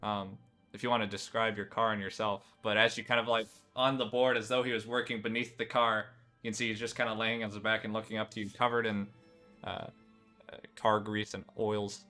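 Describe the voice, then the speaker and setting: Man game master, relaxed narration, lots of fillers, bright tone. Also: on the low side, fairly quick, soft background music. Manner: casual, describing scenes with fillers.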